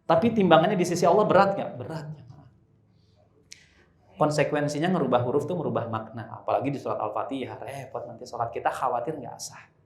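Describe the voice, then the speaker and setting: A man teaching Quran recitation to a congregation, drawing out slow chanted verses and joking between drills. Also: mid-range voice. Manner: demonstrates slow drawn-out recitation, joking asides. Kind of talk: live tajwid class with congregation. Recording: echoey room.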